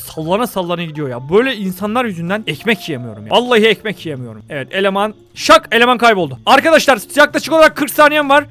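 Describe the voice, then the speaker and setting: A young man giving excitable, joking gameplay commentary to his viewers, swearing often. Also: high-pitched. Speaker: gaming streamer.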